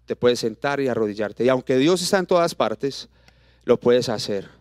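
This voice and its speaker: A man's voice: medium pitch, moderate pace, dry recording, studio quality. Colombian man preaching to a congregation. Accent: Colombian Spanish. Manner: lively preaching, rhetorical questions, drops to soft intimate tones. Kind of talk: sermon. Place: church auditorium. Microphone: handheld microphone.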